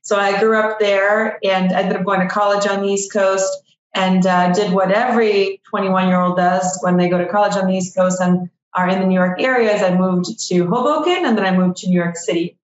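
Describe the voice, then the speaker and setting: A woman's voice: medium pitch, steady tone, a little fast, roomy sound, dull audio. A woman in her forties, originally from Russia, with Russian as her first language, telling her story as a guest in a casual interview with a chatty, self-deprecating manner. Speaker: guest, PR agency owner.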